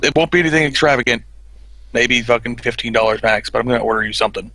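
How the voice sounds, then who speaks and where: A man's voice: mid-range voice, fast, pushed and bright, no echo. A man in a tabletop game group, talking in a blunt, offhand way. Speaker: player. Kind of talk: casual game chat.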